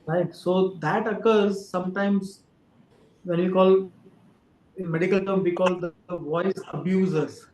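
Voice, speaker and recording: A man, a doctor calmly explaining to an interviewer with frequent fillers. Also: high-pitched, a little slow, slight background noise. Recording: roomy echo.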